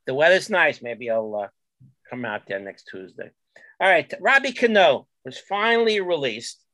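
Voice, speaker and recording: A man's voice: on the high side, moderate pace, no room sound. A man hosting a casual sports talk show, leading the chat with questions. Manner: lively, leads the talk with questions. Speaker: host.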